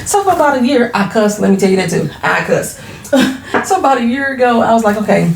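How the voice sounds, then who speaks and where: A woman's voice: fairly high pitch, lively intonation, fairly quick, vocal fry, echoey room, slight background noise. A woman in her forties, a small business owner, chatting frankly to camera at home, laughing easily and using casual slang. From Florida. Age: 40s. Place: her home, products on shelves behind.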